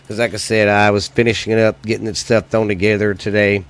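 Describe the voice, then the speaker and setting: Talking fast with a flat delivery, an American-accented man runs a solo podcast full of crude, casual comic banter, loose and blunt. His voice is lowish, slightly weak and stuffy, yet the tone is clean.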